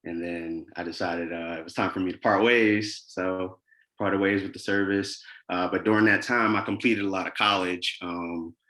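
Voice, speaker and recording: A man in his twenties introducing himself to a class on a video call, speaking in a steady, orderly and polite way. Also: low voice, moderate pace. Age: 20s.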